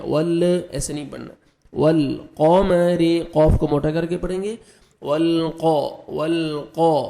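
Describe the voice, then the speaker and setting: Mellow-voiced male Quran teacher. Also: on the high side, echoey room. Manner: spells letters with vowel marks slowly, explains rules quickly; draws out recited words in slow chant. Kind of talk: spelling out and reciting verses for learners.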